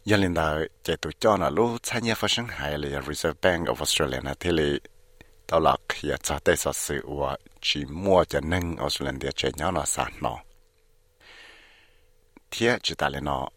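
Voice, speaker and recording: A man reading a news report in a steady, measured, scripted way. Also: extremely low pitch, no echo. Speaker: news narrator.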